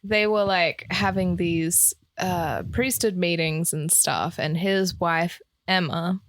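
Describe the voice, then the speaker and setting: A woman's voice: fairly low pitch, steady tone, slow, no echo, studio quality. A woman co-hosting a podcast in casual chat, rambling with lots of fillers and frequent laughs. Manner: rambling, laughs often, many ums and likes. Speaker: podcast co-host.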